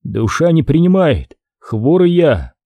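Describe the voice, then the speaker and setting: A man's voice: a little high, very animated, slow, warm tone, dry recording, full character voice. A man voicing an exhausted, wounded goldsmith who pleads and moans. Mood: weary. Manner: moaning, pleading.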